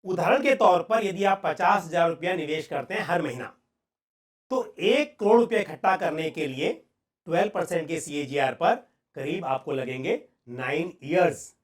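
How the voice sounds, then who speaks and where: A man with an Indian accent explaining personal finance to viewers, deliberately and with emphatic pauses. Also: fairly high pitch.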